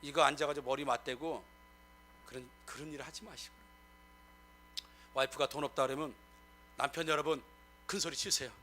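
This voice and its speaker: A middle-aged male pastor preaching a sermon, emphatic and rising to loud exclamations as he keeps addressing the congregation. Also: medium pitch, fairly quick, long pauses, slight background noise.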